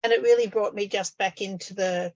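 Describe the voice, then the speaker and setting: A woman in an art workshop, calmly describing feeling present. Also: mid-range voice, brisk, no room sound, dull audio. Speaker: workshop participant. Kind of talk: casual group discussion.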